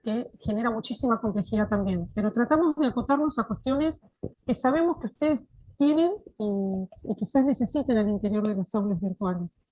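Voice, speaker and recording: Woman instructor, explanatory and patient, higher voice; dry, muffled lo-fi call recording. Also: animated, brisk, warm tone, dry recording. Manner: explanatory, frequent checking "¿sí?". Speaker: course instructor. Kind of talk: online teacher-training lecture.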